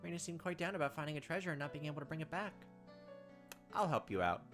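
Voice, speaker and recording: With music playing in the background, a let's play host narrates a visual novel, reading it aloud and dropping casual commentary along the way. The voice is mid-range, expressive and fast.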